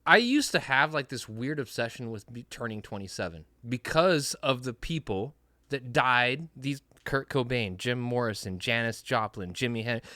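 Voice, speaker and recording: A man's voice: medium pitch, bright, forceful tone, no room sound, studio quality. A man co-hosting a casual podcast, talking bluntly and with emphasis, swearing now and then. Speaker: podcast co-host.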